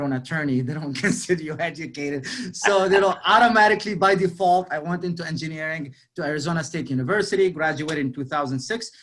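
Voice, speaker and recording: Forties male, lifted pitch; lively presenter on a video call who keeps asking the room questions. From Lebanon. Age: 40s. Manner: energetic, quizzes the audience, frequent "you know". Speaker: real estate sales speaker. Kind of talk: interactive motivational talk.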